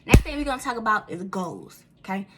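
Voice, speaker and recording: A woman's voice: mid-range voice, big pitch swings, brisk, heavy background noise. Chatty woman with a Mississippi country accent. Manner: chatty, tags lines with "okay?" and addresses viewer as friend; slangy, informal grammar. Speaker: vlogger giving life advice. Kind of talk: casual chat to camera.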